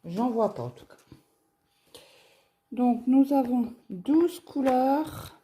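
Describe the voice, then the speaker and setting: A woman from France talks slowly and unhurriedly as she unboxes and measures craft kits for her viewers. Her voice is mellow and soft-edged, and her easygoing chat is dotted with small hesitations and fillers. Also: high-pitched, lively intonation. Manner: slow, chatty, hesitant with fillers. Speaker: craft vlogger. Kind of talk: casual unboxing show-and-tell.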